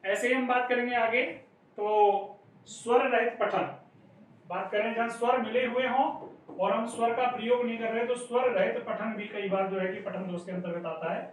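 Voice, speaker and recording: A man's voice: very high-pitched, steady tone, brisk. A man teaching an exam-prep lesson, explaining step by step and often calling his listeners friends. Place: classroom. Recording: echoey room, distant mic, faint noise.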